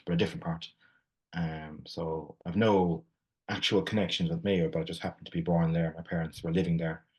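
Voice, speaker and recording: Low-voiced Irish man in his forties. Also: darkish tone. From Ireland. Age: 40s. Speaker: poet, interview guest. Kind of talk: interview answers.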